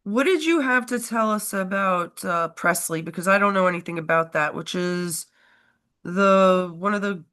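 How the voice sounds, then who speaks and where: This lowish, fairly bright female voice moves at a normal speed through casual livestream chat about politics. She's co-hosting while stuffed up with a cold, rambling, laughing often, and trailing off mid-sentence.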